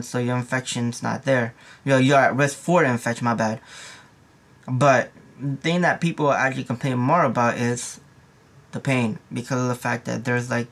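Speaking in a medium-pitched, fairly bright voice, this young man is a nursing student doing a loose, rambling exam review for a casual study vlog. Slang and recurring asides fill his talk.

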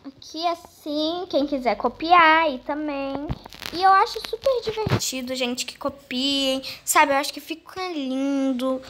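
A woman giving a chatty, excitable tour of her game house, often calling her viewers "gente". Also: high voice, a little hiss or hum. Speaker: gaming vlogger. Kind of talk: casual game tour narration.

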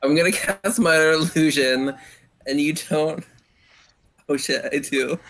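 A man's voice: on the high side, unhurried, a bit bright. A man playing a tabletop game in casual chat, offhand and laughing at his own slips. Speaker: player.

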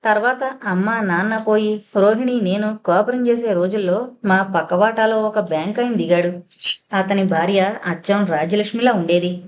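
Brief: female audiobook narrator, steady storyteller, mid pitch. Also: normal speed. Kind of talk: scripted first-person story narration.

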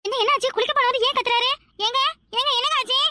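A woman voicing a sharp-tongued, teasing young village wife in a cartoon comedy, with a Tirunelveli Tamil accent and rapid, needling questions. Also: very high-pitched, steady tone, no room sound, studio quality, full character voice. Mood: alarmed, nosy.

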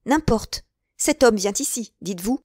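A woman's voice: a little high, lively intonation, moderate pace, darkish tone, dry recording, studio quality. A woman reader voicing a scheming, guarded noblewoman in an audiobook, with controlled, wary questions.

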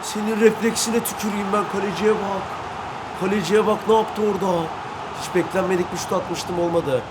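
A young man doing brash, excitable let's-play commentary, talking to himself and his in-game teammates while playing. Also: high-pitched, moderate pace, noisy background. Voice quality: brash, excitable, swings between shouting and muttering. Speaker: gaming YouTuber.

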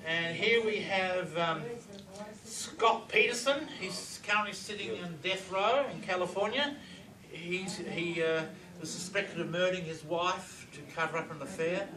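A man giving a live seminar to an audience, animated, with pauses and asides. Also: high-pitched, a crowd in the background. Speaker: lecturer on reverse speech. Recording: roomy hall mic from far off, audience around.

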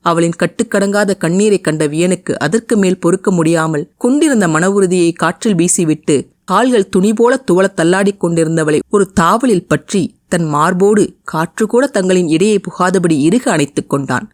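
A woman narrating a romance audio novel with an expressive, emotive reading. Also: fairly low pitch, normal speed, no echo, studio quality. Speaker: storyteller.

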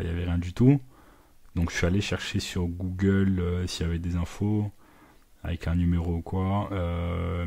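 A man's voice: deep voice, warm tone. A man who runs a digital marketing agency, narrating his work live in a casual way, thinking aloud with many fillers and little sound words, and dropping English business terms into his talk. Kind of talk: live screen walkthrough, casual.

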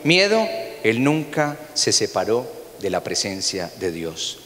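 A man with a Colombian Spanish accent preaching a sermon as pastor, dropping to soft low asides and rising to raised, exclaiming peaks. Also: sing-song, slow pace. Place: church sanctuary. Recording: long hall reverb of a church.

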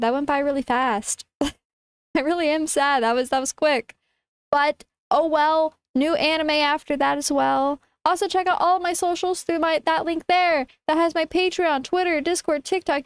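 A woman's voice: high-pitched, steady tone, moderate pace, dry recording. A young woman livestreamer chatting casually to her viewers in a cutesy, informal, affectionate way. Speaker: livestreamer, VTuber.

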